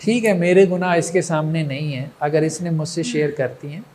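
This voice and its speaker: Male religious teacher, high voice, long reverb, lecturing and checking in with the audience. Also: normal speed, darkish tone. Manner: rhetorical, checks in with listeners often. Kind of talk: lecture on moral training.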